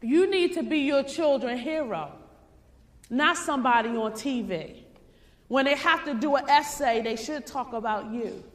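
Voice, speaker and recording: A woman from Maryland giving a fervent motivational stage speech, preachy and rising to shouts. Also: sits high, a little slow. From Maryland, USA. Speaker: motivational speaker. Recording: hall reverb.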